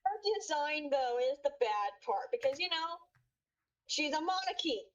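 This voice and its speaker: A woman's voice: high-pitched, animated, moderate pace, dull audio. A woman in a casual gaming chat, opinionated and blunt, swearing freely.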